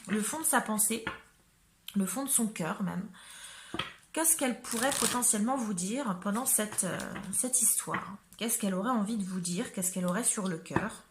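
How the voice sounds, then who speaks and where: A woman's voice: mid-range voice, background noise. A woman from the Ardennes in France doing a chatty tarot card reading for viewers, with many fillers and asides. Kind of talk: casual reading addressed to viewers.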